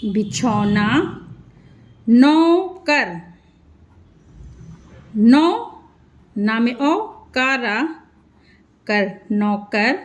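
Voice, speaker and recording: A woman teacher giving a reading lesson for children, spelling out syllables slowly and patiently and stretching each word. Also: on the high side. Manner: patient explaining.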